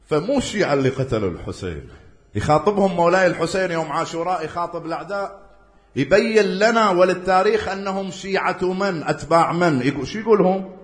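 A man delivers a religious sermon in a fairly high voice that swings widely in pitch. He presses his points emphatically and rises to loud declamation at his peaks. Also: animated, fast talker. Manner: emphatic, rising to loud declamation when quoting. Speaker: preacher.

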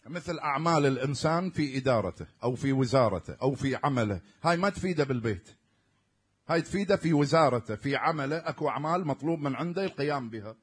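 A husky-voiced man with a medium pitch, lively intonation and a quick pace preaches a sermon in an Iraqi Arabic accent. He is emphatic, hitting words with loud stress and then sinking almost to a murmur.

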